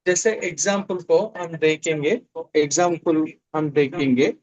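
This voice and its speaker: A man's voice: a little high, measured pace, darkish tone, highs cut off. A man teaching a Greek class in a classroom, explaining step by step and repeating the key words. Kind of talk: classroom lecture. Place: classroom with a board.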